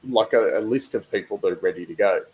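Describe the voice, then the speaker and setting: A man's voice: lowish voice, fast talker, darkish tone, rough recording. A young adult man co-hosting a casual motorsport chat, thinking aloud with lots of fillers and restarts. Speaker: podcast co-host.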